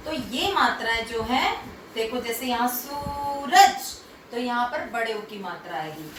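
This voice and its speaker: A woman teaches children how letters sound, drawing out each one at a slow, patient pace. Her voice is a little high, and it rises and falls in a lively sing-song. She is recorded from some way off in an echoey room with a faint hum behind her. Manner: slow, drawn-out enunciation of sounds. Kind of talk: children's phonics lesson. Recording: echoey room, distant from mic.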